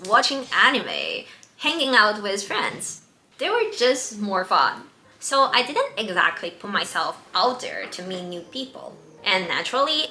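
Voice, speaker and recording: A woman's voice: mid-range voice, bright, forceful tone, a little hiss or hum. A young adult woman presenting a scripted advice video as host, speaking confidently and directly to the viewer.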